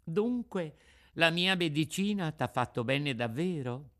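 A man voicing a gentle, patient fairy who coaxes a sick child in a storybook reading, speaking softly. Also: fairly high pitch, expressive, unhurried, pitched above the performer's own voice. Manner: soft, patient coaxing.

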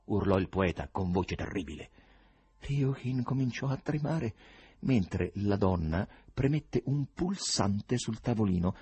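A man narrating an audiobook in an expressive storytelling manner, with a husky voice. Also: lowish voice, no room sound. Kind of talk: scripted narration.

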